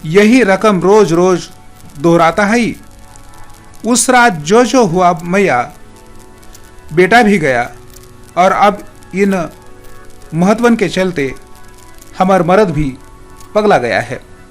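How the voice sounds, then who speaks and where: A man voicing a grieving village wife who laments slowly and heavily. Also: high-pitched, lively intonation, soft background music. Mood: lamenting. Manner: slow heavy lament.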